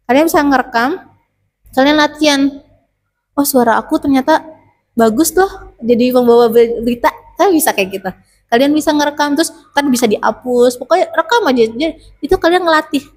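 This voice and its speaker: A woman's voice: fairly high pitch, a little mellow. A woman teacher, chatting to students about public speaking and asking many rhetorical questions. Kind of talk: casual advice to students.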